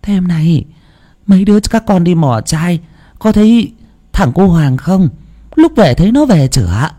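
A man's voice: very animated, a little slow, dark tone, full character voice. A man putting on a fussy old granny. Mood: fussing. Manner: scolding, coaxing, high-pitched. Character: fussing elderly grandmother, soft-hearted.

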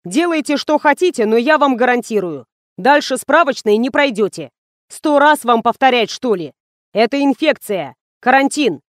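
A woman's voice: on the high side, lively intonation, moderate pace, dry recording, clean studio sound, close to an everyday voice. A woman reading the part of an officious, curt male ambulance doctor.

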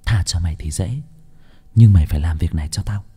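A man's voice: lowish voice, very animated, fast, warm tone. A man voicing a stern, commanding young noblewoman who speaks coldly and mockingly. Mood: stern threatening.

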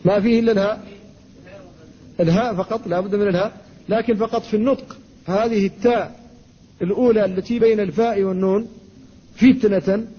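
A man, an Islamic scholar, giving a classroom lecture on Quran recitation. He explains rules at a measured teaching pace, recites verses slowly and stops to answer students. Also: sits high, steady tone, husky. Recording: dull lo-fi lecture recording with faint noise.

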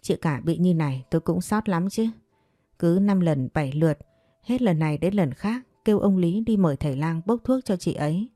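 A woman's voice: on the low side, animated, normal speed, warm tone, dry recording, studio quality. A woman reading a falsely sweet scheming wife. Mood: sweetly scheming. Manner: sugary, coaxing.

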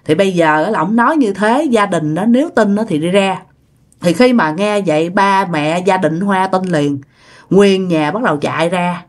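A woman's voice: lowish voice, normal speed. A woman telling a ghost story in a casual, chatty way, often speaking to her listeners directly.

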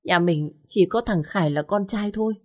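A woman's voice: fairly low pitch, a little slow, breathy edge. A woman voicing an anxious older mother, tearful and pleading, in a storybook reading. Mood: distraught.

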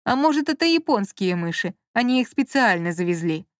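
Woman doing a gruff impatient man, curt scolding, close dry sound. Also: medium pitch, normal speed, dry recording, natural voice. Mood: teasing. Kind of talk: audiobook character voice.

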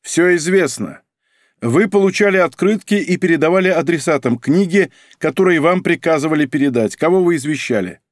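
Brief: stern, measured militia major, voiced by a man, firm and insistent, lively delivery. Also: fairly high pitch, no echo, studio quality, voice pushed up, close to an everyday voice. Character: calm stern male militia major, investigator. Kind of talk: audiobook character voice.

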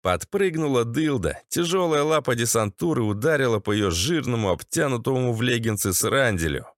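Brief: male audiobook narrator, gritty and sardonic, mid pitch, dry close recording. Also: expressive, moderate pace, no room sound. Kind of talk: first-person audiobook narration.

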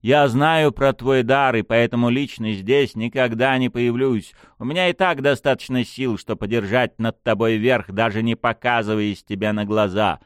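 A man's voice: medium pitch, normal speed, few pauses, clean tone, no echo, clean studio sound, lightly acted. Sly mocking witch, as a male reader puts her on. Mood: ironic. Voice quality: sly, drawling, sarcastic. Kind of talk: audiobook reading.

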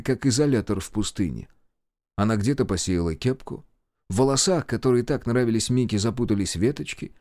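A man narrating a horror audiobook in a dramatic, expressive way. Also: medium pitch, no echo, clean studio sound. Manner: dramatic, acts out characters.

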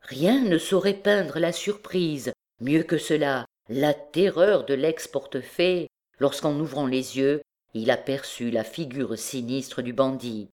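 A woman narrating a classic novel as an audiobook, with measured, expressive storytelling. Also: very deep voice, soft background music.

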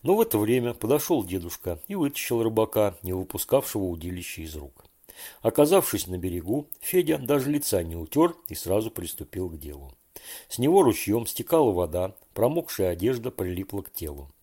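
A man reading a children's story aloud with calm, even storytelling. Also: fairly low pitch, fairly quick, breathy edge. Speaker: narrator.

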